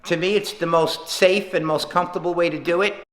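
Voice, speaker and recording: A man's voice: high voice, fairly even intonation, a little fast, fairly bright tone. Earnest man on an echoey conference call. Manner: earnest, emphatic, lists points by number. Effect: heard over a conference call line. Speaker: town official leading a public teleconference. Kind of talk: public Q&A answers.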